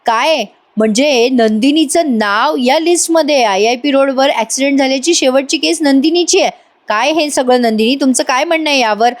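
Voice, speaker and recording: A woman's voice: high-pitched, moderate pace, close to an everyday voice. A woman voicing a stern man who questions the family and demands a truthful account. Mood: demanding.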